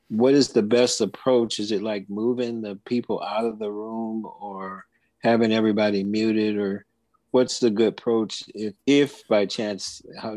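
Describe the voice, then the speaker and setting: A man joins in on a group video call with a hesitant question, circling back and restarting as he speaks. His voice sits a little low. The sound is dry and close, with no room around it. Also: darkish tone, no room sound, rough recording. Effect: heard over a group video call. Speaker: supervisor of student teachers asking a question. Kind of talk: question in an online group meeting.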